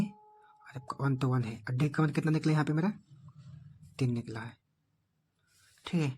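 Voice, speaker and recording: A man's voice: a little high, husky. A man teaching a board exam math lesson, explaining each step and checking in often with the class.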